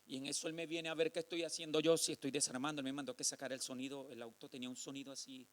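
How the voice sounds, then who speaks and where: A man preaching a sermon, telling a personal testimony and calling listeners brother, building to drawn-out shouted exhortation. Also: mid-range voice, little pitch movement.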